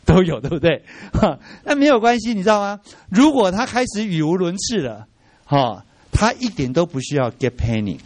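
A middle-aged man teaching a church training class, lively and often asking his listeners rhetorical questions, with English words mixed into his speech. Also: medium pitch, dry recording.

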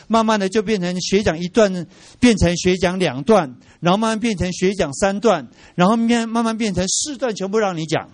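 Man, middle-aged, church training session, animated teacher, rhetorical questions, English words mixed in, slightly high voice, dry close sound. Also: dry recording. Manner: lively, often asks the audience rhetorical questions; mixes English words into his speech.

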